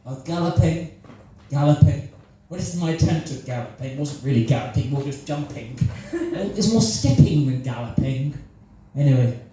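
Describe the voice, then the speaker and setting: A man's voice: on the high side, expressive, normal speed, warm tone, soft background music. A man with a Cornish accent doing solo improvised comedy storytelling before a live audience, self-deprecating and chuckling at his own jokes. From Cornwall. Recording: echoey live room.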